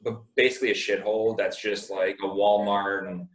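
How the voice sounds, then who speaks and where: A man's voice: fairly low pitch, level tone, brisk, echoey room, slight background noise, rough recording. A man from Indiana hosting a podcast, joking, rambling and swearing casually. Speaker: podcast host.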